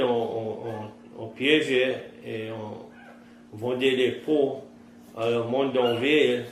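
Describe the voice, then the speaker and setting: A man in his fifties with a Cajun French accent, plain-spoken in rural vernacular, recounting his life in an interview. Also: medium pitch. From southern Louisiana, United States. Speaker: interviewee, trapper and fisherman. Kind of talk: oral-history interview, recounting past life. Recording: roomy echo, faint background noise.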